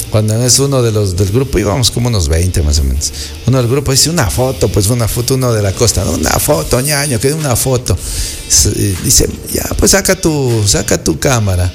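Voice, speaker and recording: Man, an unhurried anecdote teller with a mid-range voice, faint music behind. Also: medium pitch. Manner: unhurried, meandering storyteller. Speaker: guest, an architect. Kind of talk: casual anecdote telling.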